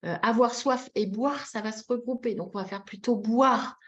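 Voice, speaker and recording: A woman leading a live teaching demonstration on a video call, animated and demonstrative, repeating key words and acting out short example phrases with expressive intonation. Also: a little high, moderate pace. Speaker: webinar trainer teaching baby signs. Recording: dull lo-fi webinar audio.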